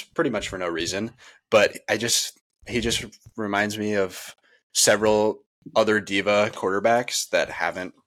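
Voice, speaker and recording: A man's voice: lowish voice, a bit bright. A man co-hosting a sports podcast, joking and opinionated in casual chat. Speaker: podcast co-host.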